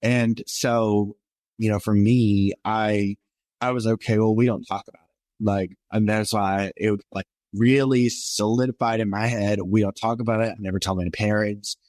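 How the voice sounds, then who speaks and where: A man in his twenties, appearing as a podcast guest, tells his personal story in a rambling, earnest way packed with fillers. His voice is somewhat high for a man and a little mellow, with fairly even intonation at normal speed. The recording is dry.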